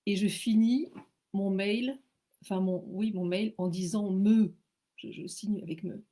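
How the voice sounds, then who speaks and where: A French woman telling a personal story in a casual, animated way, often stammering and poking fun at herself. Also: mid-range voice, unhurried. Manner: animated, stammering, self-mocking. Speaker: author telling her story.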